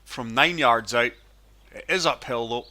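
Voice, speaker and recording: Guy with a bad chest cold, wheezy but bright voice, chatting casually thru a golf game for his channel. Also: medium pitch, a little slow. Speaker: gaming channel host and player.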